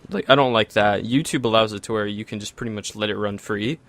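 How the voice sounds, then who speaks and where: A man's voice: fairly low pitch, steady tone, quick pace, fairly bright tone. A young man in casual podcast chat, matter-of-fact as he explains technical details.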